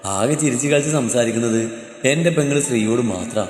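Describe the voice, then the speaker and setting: A man voicing a terse, reserved young husband in a storybook, lowering his voice. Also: fast, darkish tone, natural voice. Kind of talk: storybook character dialogue. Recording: echoey roomy hall, faint music.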